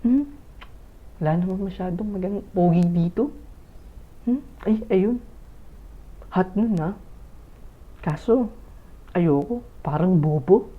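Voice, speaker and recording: Vain schoolgirl type, put on by a man, soft musing hums, quiet, dull earphone-mic sound. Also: sits high, lively intonation, slow, pauses often, full character voice. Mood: scheming. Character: vain teenage girl student, picky and scheming.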